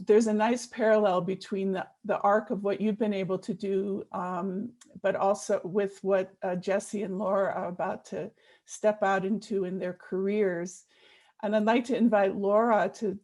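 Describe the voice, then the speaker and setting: A woman's voice: medium pitch, darkish tone. Woman moderating an online panel.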